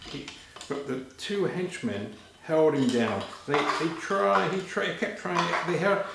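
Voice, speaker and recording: A man's voice: on the high side, gravelly, heavy background noise. Man telling children a story, echoey room. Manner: animated, addressing children with questions; halting, repeats phrases as he narrates. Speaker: children's storyteller and magic performer. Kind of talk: live children's storytelling performance.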